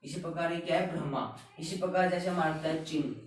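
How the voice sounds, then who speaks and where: A man teaching a grammar lesson, explaining step by step and repeating each word slowly. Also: fairly high pitch, slight background noise. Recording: very echoey room, voice a bit far from the mic.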